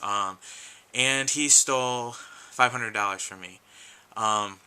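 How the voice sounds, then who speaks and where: Earnest man with a bright clear voice. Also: fairly low pitch, slow, low-quality recording. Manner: earnest, rambling with restarts. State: losing his voice, coughing. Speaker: YouTube collector vlogger. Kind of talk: casual talk to camera.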